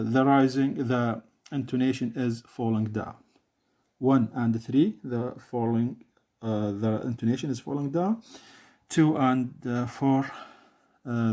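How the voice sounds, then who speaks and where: Male teacher, Saudi Arabic accent, Arabic native, mid-pitched voice; slow, halting delivery that repeats each phrase. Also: warm tone. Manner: hesitant, many uh fillers, repeats each phrase. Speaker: English teacher. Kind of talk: classroom English lesson.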